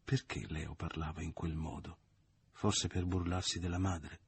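A man reading a novel aloud in a measured, expressive storytelling voice. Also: sits low, breathy edge. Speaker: audiobook reader. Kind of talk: dramatic literary reading.

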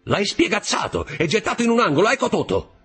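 A man voicing a coarse, fearful male crony with a raised, raspy, agitated voice in a storybook reading. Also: medium pitch, expressive, moderate pace, faint music behind, voice pushed up. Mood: indignant. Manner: pleading, agitated.

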